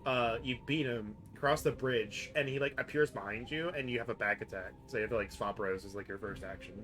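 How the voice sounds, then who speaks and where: A man's voice: medium pitch, fairly quick, a bit bright. A man doing casual, joking live-stream commentary as he plays, playfully reacting to the game. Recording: faint game music behind.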